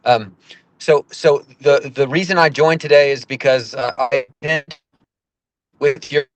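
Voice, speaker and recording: A man speaking on a video call at a committee meeting, his audio breaking up and cutting out as he talks haltingly and restarts. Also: medium pitch, fairly even intonation, no echo, rough recording. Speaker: state hospital official. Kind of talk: remarks at an online committee meeting.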